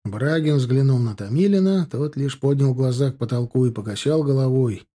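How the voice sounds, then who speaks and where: A man narrating an audiobook in steady storytelling delivery. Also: medium pitch, normal speed. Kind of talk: scripted narration.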